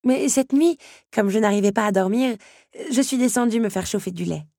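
A woman reading a storybook voices a kind, bookish young woman who sounds eager and a bit sheepish, with a husky voice. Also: a little high, moderate pace, dark tone, dry recording, clean studio sound, pitched above the performer's own voice.

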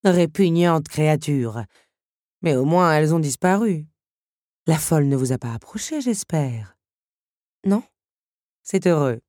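A woman's voice: low-pitched, animated, measured pace, pauses often, mellow, no room sound, clean studio sound. A woman voicing a haughty, elegant countess who speaks in a lofty, theatrical way. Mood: grand. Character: haughty elegant older countess, grand and gushing.

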